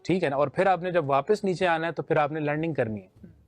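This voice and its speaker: A man's voice: on the high side, fairly quick, no echo, soft background music. A man with a Pakistani Urdu accent, judging a naat competition and explaining his points with homely examples and mild humor. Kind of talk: judge's critique.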